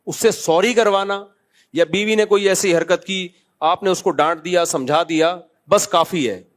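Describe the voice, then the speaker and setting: A man's voice: high voice, fairly bright tone. Man giving a blunt religious talk. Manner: conversational, scolding, joking asides. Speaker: mufti answering questions. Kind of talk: public Q&A talk.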